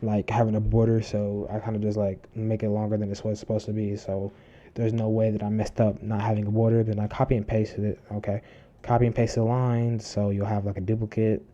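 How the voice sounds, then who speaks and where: Speaking a little fast in a fairly low, warm monotone, a tutorial host rambles casually through his screen recording, full of fillers and restarts. The audio is muffled, and his desk mic sits close to his mouth, catching heavy breathing.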